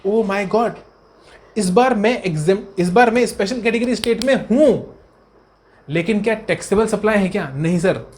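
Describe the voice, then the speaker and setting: A man tutoring accountancy students in a brisk revision lecture. He repeats key points and answers his own questions in a student's voice. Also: sits high, a little mellow. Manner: fond, coaxing tone toward students.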